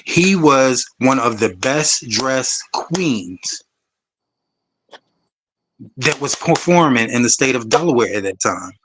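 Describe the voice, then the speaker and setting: A man's voice: medium pitch, expressive, slow, long pauses, fairly bright tone. Man in his forties, panel storyteller, emphatic, blunt, profane.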